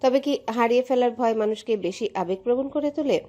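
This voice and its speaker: A woman narrating a romantic audio story in an emotive, steady way. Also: on the high side, brisk, dull audio.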